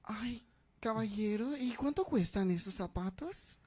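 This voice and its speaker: A comedian doing a flamboyant, fussy male shopper in a shoe-store joke, sighing out "ay" in a sing-song high voice. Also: animated, measured pace, a little mellow. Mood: fussy, delighted.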